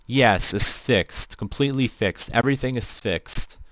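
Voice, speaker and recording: A man's voice: medium pitch, unhurried, a bit bright, no room sound. A young man with a Midwestern American accent, rambling casually as he streams a game and chats with viewers. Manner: rambling, chatty, talks to chat viewers. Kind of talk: casual live-stream commentary.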